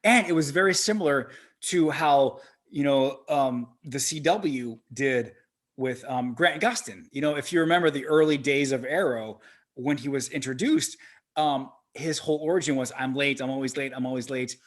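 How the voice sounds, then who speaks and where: A man co-hosting a casual movie-reaction podcast, excitable and swearing freely as he gushes over scenes. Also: medium pitch, moderate pace. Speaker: podcast co-host.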